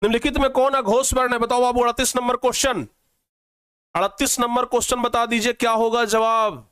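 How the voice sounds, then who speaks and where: A man's voice: very high-pitched, level tone, moderate pace, a bit bright, clean tone, dry recording, clean studio sound. A man teaching an exam-prep grammar lesson, coaxing students and repeating each question.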